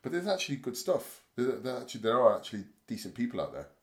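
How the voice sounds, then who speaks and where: A man's voice: mid-range voice, huge pitch swings, quick pace. A man hosting a casual podcast chat, rambling and hesitant with many fillers and restarts. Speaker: podcast host.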